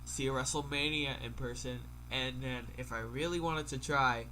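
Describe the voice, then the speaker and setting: A man's voice: mid-range voice, steady tone, normal speed, pushed and bright, slight background noise, low-quality recording. A man with a congested, stuffy nose, under the weather, hosting a casual, chatty podcast. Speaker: podcast host.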